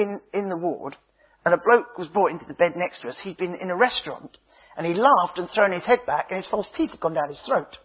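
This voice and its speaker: A man, a minister, preaching a sermon with a husky voice, slow emphatic phrases that drop to a hush, and humorous stories. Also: sits high. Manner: dramatic preaching, slow emphatic phrases dropping to hushed tones; humorous storytelling. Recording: tinny phone-like sound.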